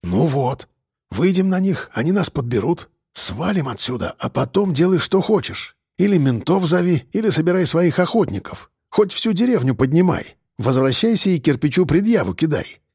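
A man's voice: a little high, big pitch swings, normal speed, darkish tone, slightly rough, no echo, studio quality, full character voice. A man voicing a scheming, streetwise male convict who talks in slang and presses with questions. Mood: wheedling.

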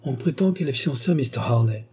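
A man reading aloud, voicing a timid, anxious young seamstress girl in a storybook with a soft, hesitant manner. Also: mid-range voice, expressive, fast talker, breathy edge.

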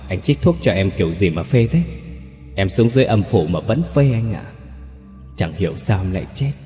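A man's voice: deep voice, sing-song, normal speed, mellow, echoey room, big-room sound, faint music behind. A man voicing the ghost of a dazed young henchman who whines in pain. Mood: whining. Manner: whining, cackling.

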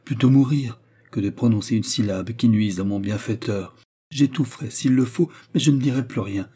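Excitable anxious father, gushing, breathless, man narrating, darkish tone. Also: medium pitch, normal speed, breathy edge, close to an everyday voice. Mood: overjoyed.

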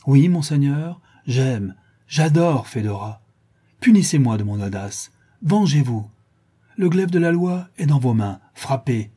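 Narrator doing a defiant young lover, husky dark voice, storybook reading. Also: male voice, mid-range voice, moderate pace, close to an everyday voice. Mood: impassioned. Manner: impassioned, defiant. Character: proud, passionate young man in love. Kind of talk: audiobook reading.

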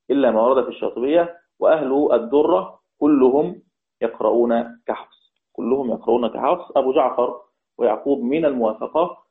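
A man with an Egyptian accent teaching Quran recitation rules, repeating key words slowly and quizzing his students. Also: mid-range voice. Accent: Egyptian Arabic. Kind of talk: explaining recitation rules in a lesson. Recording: tinny phone-like sound.

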